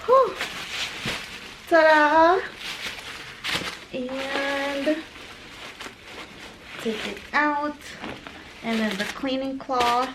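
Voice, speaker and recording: A slightly high-pitched woman talks through an unboxing in a slow, drawn-out way, gushing and a little out of breath. She slips into soft whispers at the exciting moments. A steady background noise sits under the recording. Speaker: vlogger.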